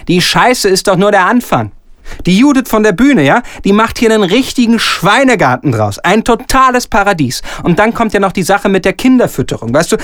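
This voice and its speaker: A man's voice: fairly high pitch, no room sound, clean studio sound. A man doing a ranting, pompous theatre director. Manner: ranting, lurching between sugary coaxing and shouting. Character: pompous, bullying male theatre director, middle-aged. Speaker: stage director. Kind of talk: solo reading of a comic radio scene.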